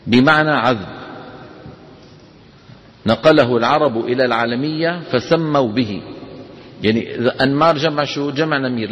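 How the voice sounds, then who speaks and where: A man leads a classroom lesson on recitation, pitched mid-range. He explains step by step and throws quick prompt questions to his students. The recording is muffled, with a long reverberant tail from the hall. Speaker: Quran recitation teacher. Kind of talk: classroom lecture on tajweed.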